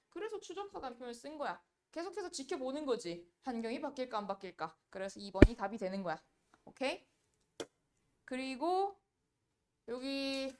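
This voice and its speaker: A woman teaching an English grammar lesson, quizzing her students with quick rhetorical questions. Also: high voice. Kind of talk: exam-prep grammar lecture.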